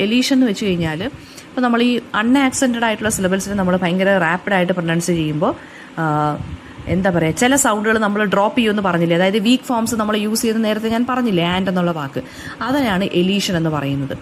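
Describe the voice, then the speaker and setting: A woman with a Kerala accent explaining English phonetics for exam notes, stopping often with fillers and saying English example phrases slowly. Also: mid-range voice, slight background noise. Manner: frequent fillers and self-restarts. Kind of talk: exam-notes lecture in Malayalam.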